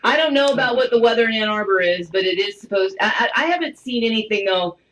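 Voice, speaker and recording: A woman's voice: fairly high pitch, expressive, fast talker, a bit bright, low-quality recording. A woman co-hosting a morning sports radio show, teasing her colleagues and reading out listener messages. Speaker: radio co-host.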